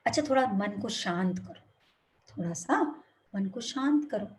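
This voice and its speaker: A woman voicing a calm, patient father who gently soothes his son in a told story. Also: mid-range voice, lightly acted. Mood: soothing. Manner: gentle, measured reassurance.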